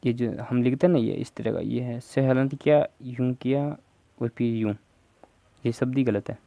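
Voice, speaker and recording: The man's voice is mid-range, creaky and dark, with fairly even intonation at a normal speed and no room sound. Speaking with a Rajasthani accent, he teaches Hindi grammar for an exam, reviewing answer options one by one and prompting viewers to answer.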